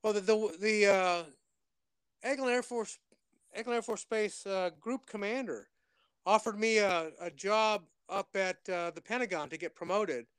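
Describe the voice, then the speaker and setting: An older man reminiscing as an interview guest, restarting his sentences and acting out what others said. His voice is high-pitched and resonant, and the sound is dry and close. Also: unhurried, a bit bright, smooth, no room sound. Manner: rambling, many restarts, quotes others in dialogue. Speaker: interview guest, retired Air Force officer. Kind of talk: casual spoken interview.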